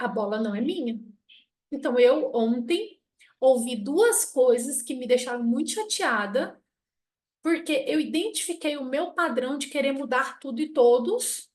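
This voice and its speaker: Brief: middle-aged woman, high voice, animated storyteller, blunt and frank. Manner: animated storytelling, acting out quoted people; blunt, self-mocking. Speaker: family constellation teacher. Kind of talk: casual spoken lesson.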